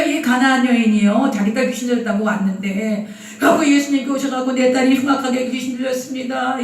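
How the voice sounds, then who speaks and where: A woman pastor preaches in a lively, colloquial way, calling out to her congregation to answer back. Her voice is high and rings through a very echoey church sanctuary, heard from a distance. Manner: animated, colloquial preaching with call-and-response. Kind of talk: sermon. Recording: echoey hall, mic from far off.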